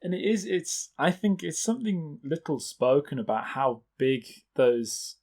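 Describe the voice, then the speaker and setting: A man's voice: a little high, sing-song, a little slow, a little mellow. A man hosting a podcast, chatting casually and earnestly, with eager agreement. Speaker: podcast host.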